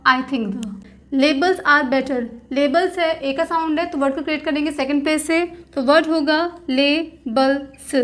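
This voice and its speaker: A woman's voice: sits high, a bit bright. A woman teaching shorthand step by step. She spells out each stroke and repeats every word. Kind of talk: step-by-step dictation lesson.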